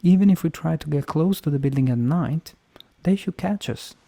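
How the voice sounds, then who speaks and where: Male game streamer, very soft dark tone, slightly high pitch, argumentative casual commentary. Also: moderate pace, gravelly.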